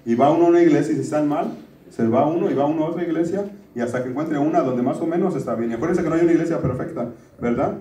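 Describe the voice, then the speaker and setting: A man's voice: fairly high pitch, very fast, mellow. Man preaching, distant and echoey. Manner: conversational preaching, often addressing "hermanos". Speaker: pastor. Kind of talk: sermon. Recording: roomy, distant church recording.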